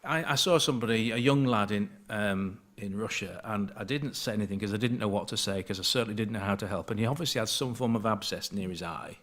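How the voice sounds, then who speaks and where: A man's voice: fairly low pitch, fast talker, hardly any pauses, fairly bright tone. A man giving an informal Bible talk to a small group, reading scripture aloud and wandering into asides in a conversational way. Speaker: Bible study speaker.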